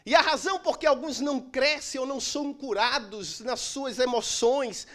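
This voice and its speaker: A middle-aged pastor delivers a sermon in church, his very high-pitched voice emphatic and full of dramatic pauses. He swings back and forth between loud and soft.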